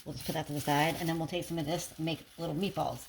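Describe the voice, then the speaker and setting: A woman's voice: low-pitched, fairly even intonation, very fast, gravelly. A woman food vlogger talking casually through what she is cooking. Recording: faint kitchen noise, frying sizzle.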